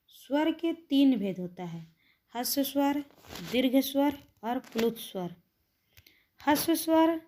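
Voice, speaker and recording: A woman's voice: sits high, warm tone. A woman teaching young children in an online lesson, patiently spelling out letters one by one. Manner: slow, patient, recites letters aloud one by one.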